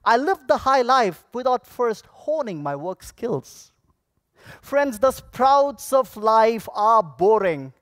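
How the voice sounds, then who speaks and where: A man delivering a rehearsed motivational speech, telling stories theatrically with dramatic pauses and projecting to an audience. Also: very high voice, very animated, fairly bright tone, dry recording. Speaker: contest public speaker. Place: on stage at a speech contest convention.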